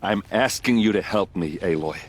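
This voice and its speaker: Speaking at normal speed with a little hiss or hum behind him, a man lightly acts the part of a young video game warrior whose sister was murdered. He sounds low-voiced, earnest and pleading in his grief.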